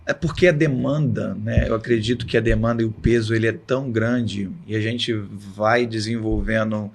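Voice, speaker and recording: A husky-voiced man with a Brazilian accent hosts a talk podcast. He sounds supportive, often affirming and building on what his guest says. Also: fairly low pitch, steady tone, moderate pace. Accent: Brazilian Portuguese. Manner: supportive, frequent affirming backchannels. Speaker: podcast host. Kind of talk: talk show conversation.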